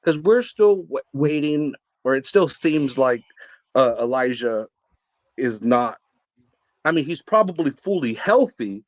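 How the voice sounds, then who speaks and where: A male podcast co-host in a casual sports chat, talking with an animated, excitable delivery. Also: medium pitch, a little slow, no echo.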